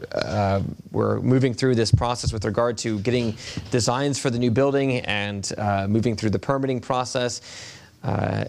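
A male pastor preaching a sermon at a pulpit microphone in a church. He reads scripture in a measured way and often halts with fillers when he speaks freely. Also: mid-range voice, darkish tone. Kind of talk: sermon with scripture reading and prayer. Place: church sanctuary.

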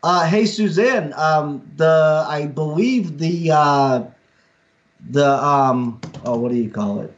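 A man's voice: on the high side, slow pace, highs cut off. A man with a Boston accent, chatting casually and bluntly with plenty of swearing. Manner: foul-mouthed, blunt. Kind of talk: casual group chat.

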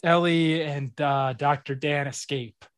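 A man in casual chat recapping a film, relaxed, laughing often and repeating words as he searches for them. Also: on the high side, a little slow, clean tone, dry recording. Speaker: podcast co-host.

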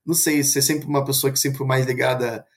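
A man telling a true ghost story as a podcast guest, in a casual, animated way, full of fillers and acting out his parents' voices. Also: medium pitch, a little fast. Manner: frequent fillers like 'tipo' and 'assim'.

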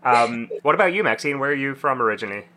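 A man's voice: mid-range voice, lively intonation, fast, pushed and bright, rough recording. A man hosting a music podcast, asking friendly, encouraging questions of his guests. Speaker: podcast host. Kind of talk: casual interview.

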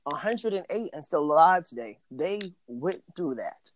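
A man's voice: on the high side, lively intonation, measured pace. A man co-hosting a casual podcast, speaking frankly and rambling with many restarts and fillers. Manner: frank, tells it like it is. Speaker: podcast co-host. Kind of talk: casual chat.

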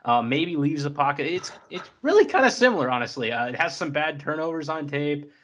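Male co-host, hedging, filler-heavy, relaxed draft talk. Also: fairly high pitch, brisk. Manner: rambling, hedging, many fillers. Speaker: co-host analyst. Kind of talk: casual sports talk.

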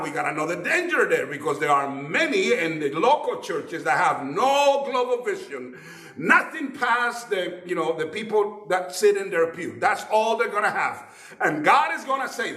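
A man's voice: high voice, big pitch swings, normal speed, bright, forceful tone. A man preaching a sermon with emphasis, prompting a reader to go on between points. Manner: emphatic, calls out to a scripture reader. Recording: echoey church hall.

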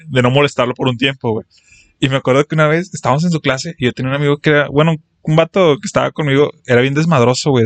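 A man's voice: medium pitch, dry recording. A young man with a Mexican accent, telling crude school stories in casual chat and acting out the voices of people in them. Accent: Mexican Spanish. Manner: crude slang-heavy storytelling, acts out quoted voices.

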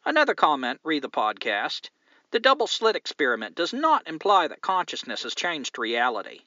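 A man's voice: on the high side, huge pitch swings, moderate pace, sharp tone, dry recording, lo-fi sound, heavily acted. A man doing a New Zealand woman in a mock Australian accent. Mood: opinionated. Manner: reading a listener's letter aloud, opinionated.

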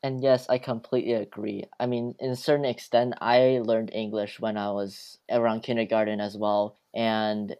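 A man's voice: on the low side, flat delivery, normal speed, few pauses, a little mellow, clear, resonant tone. A man from Hong Kong hosting a podcast, asking questions in a curious, casual way with "like" and "maybe" sprinkled in. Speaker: podcast host.

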